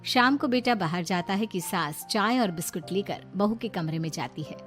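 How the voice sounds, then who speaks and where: A woman's voice: medium pitch, expressive, normal speed, faint music behind. A woman storyteller reading scripted narration for a moral story.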